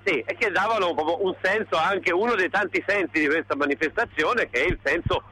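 A man's voice: sits high, fairly quick, sharp tone, soft background music, rough recording. A young man heard over the phone, reporting live into a radio show from a street march, earnest, with restarts and long lists.

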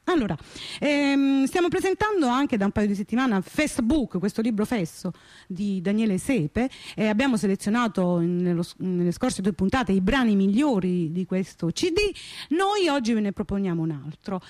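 A woman's voice: mid-range voice, expressive, moderate pace, a little mellow, dry recording. A woman introducing songs as a radio host, chatty, with fillers and restarts. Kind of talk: radio music presentation.

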